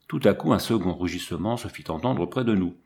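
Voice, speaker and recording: A man reading a story aloud as narration, with lively, comic emphasis. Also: deep voice, a little fast, creaky. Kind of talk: scripted narration.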